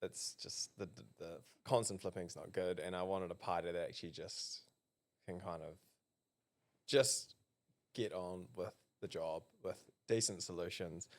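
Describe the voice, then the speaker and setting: A man with a New Zealand accent, a political candidate being interviewed, who answers haltingly with many fillers and restarts. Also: deep voice, fairly even intonation. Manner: hesitant, many ums and restarts. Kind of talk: casual interview.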